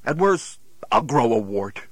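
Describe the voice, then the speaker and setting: Animated, exasperated male straight man. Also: medium pitch, unhurried, dry recording. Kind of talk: scripted comedy dialogue for radio.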